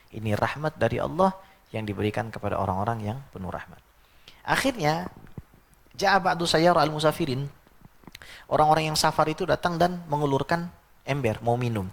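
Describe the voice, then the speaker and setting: A man's voice: medium pitch, gravelly. A man preaching at a mosque lecture in a chatty way, often reciting Arabic verses and acting out other voices. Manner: conversational, quotes Arabic verses and acts out voices.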